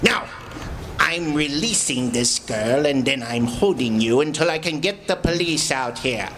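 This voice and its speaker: A man's voice: mid-range voice, expressive, unhurried, close to an everyday voice. A man playing a commanding invisible crime-fighter in theatrical old-time radio drama style. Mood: commanding, stern. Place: performed live in a cafe. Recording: live stage radio play, clear noise.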